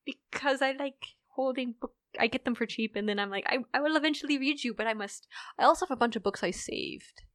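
Animated woman guest with a dry close sound. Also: fairly high pitch, no room sound. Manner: animated, laughs often, quick asides. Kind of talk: casual podcast chat.

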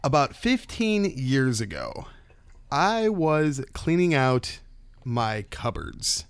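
A man's voice: mid-range voice, sing-song, slow, clear, resonant tone, no room sound. A male podcast host with a casual storyteller's delivery. He talks in a folksy, conversational way and likes to draw out the suspense. The sound is dry, with very little room on it.

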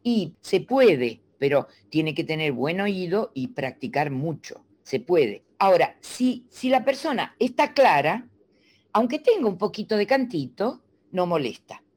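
A middle-aged woman from Argentina, a speech coach explaining diction in a teacherly, animated way and demonstrating sounds. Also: on the low side, measured pace, breathy edge. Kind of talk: interview guest explaining.

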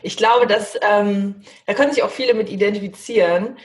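A woman's voice: medium pitch, fairly quick. A woman hosting a podcast, welcoming her guest in an effusive, gushing way. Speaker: podcast host. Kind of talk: casual podcast interview.

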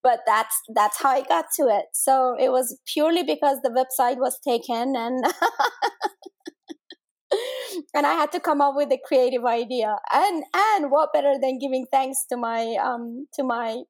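Woman from Denmark, middle-aged, podcast guest, fairly high voice, chatty, repeats words, casual interview. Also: unhurried. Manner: chatty, repeats words while searching for phrasing. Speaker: guest, cake business owner.

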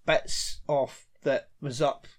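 A man's voice: medium pitch, steady tone. A man, chatting casually and rambling a little as he recaps a TV episode as a podcast co-host. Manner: chatty, rambling, quick to laugh.

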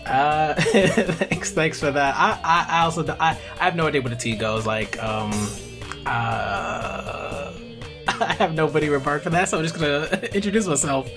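A man's voice: a little high, normal speed, music in the background. A man guesting on a podcast as a manga YouTuber, talking casually and rambling with many "um"s. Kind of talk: casual interview chat.

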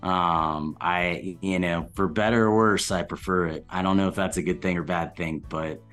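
Male interviewee, low voice, easygoing conversational delivery with self-deprecating touch. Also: fairly even intonation, normal speed, fairly bright tone, faint music behind. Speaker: podcast guest. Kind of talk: casual interview chat.

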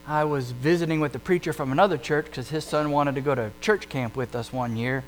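High-voiced guy preaching, chatty, lots of rhetorical questions, hum in the background. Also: brisk, low-quality recording. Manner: conversational, animated, rhetorical questions. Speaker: pastor. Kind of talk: sermon.

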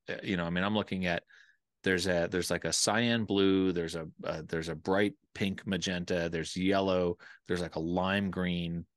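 A man with an American accent and a low voice asks questions in a relaxed interview format. He rambles and thinks aloud. The recording is dry, with little room sound. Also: dry recording. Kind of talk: casual conversational interview.

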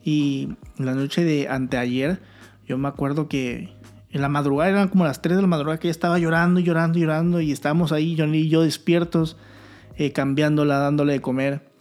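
A man's voice: a little high, fairly even intonation, a little fast, a little mellow. A young man, a new father, talking earnestly and candidly to his viewers in a casual vlog. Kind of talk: casual vlog talk to camera.

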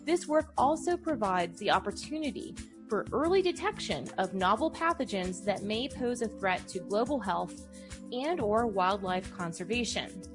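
A woman hosting an interview show, reading a smooth scripted introduction and then chatting loosely with fillers. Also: medium pitch, expressive, moderate pace, music in the background. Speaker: podcast host.

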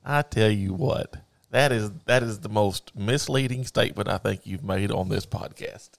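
A man's voice: fairly low pitch, moderate pace, gravelly. A man in his forties co-hosting a podcast, joking in a wry, mock-defensive way into a podcast microphone. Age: 40s. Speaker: podcast co-host. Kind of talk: casual banter.

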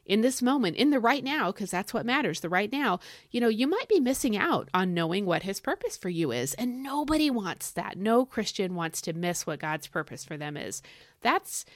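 A woman's voice: medium pitch, big pitch swings, moderate pace, no echo, clean studio sound. A woman giving an informal devotional talk, exhorting listeners in an emphatic, conversational way and repeating key phrases.

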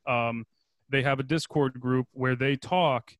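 A man's voice: mid-range voice, steady tone, measured pace, dry recording. A man who is a former producer and now a day trader, chatting casually and rambling as a podcast guest, swearing freely.

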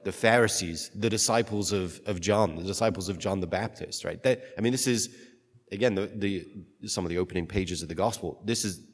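A priest reads the gospel and gives a homily in a halting, searching way, his voice carrying a long churchlike echo. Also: low-pitched, husky. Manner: halting, searching delivery full of restarts. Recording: reverberant church hall.

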